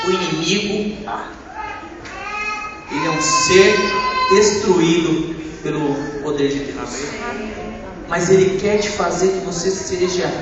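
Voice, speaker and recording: A man giving a church testimony, impassioned, swinging between loud outbursts and hushed lines. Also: sits high, noisy background. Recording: echoey church hall from far off, dull sound.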